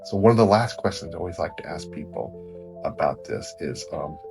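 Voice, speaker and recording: Low-voiced Oklahoma man hosting an interview. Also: lively intonation, moderate pace, gravelly, over music. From Oklahoma, United States. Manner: rambling, encouraging. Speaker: interview show host. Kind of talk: conversational interview.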